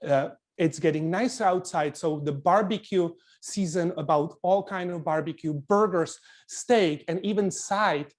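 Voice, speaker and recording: A Czech-accented man teaches cooking in a live webinar. His voice sits a touch high for a man. He explains things earnestly in loose non-native English, often restarting his sentences. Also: measured pace. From Czech Republic. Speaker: chef instructor.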